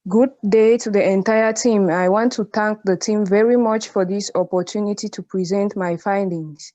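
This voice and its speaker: A woman's voice: mid-range voice, fairly even intonation, normal speed, mellow, no room sound. A young woman from Cameroon, an NGO program manager, giving a formal, prepared presentation on a video call. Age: young adult. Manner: formal, read-out delivery. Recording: dry lo-fi video call audio.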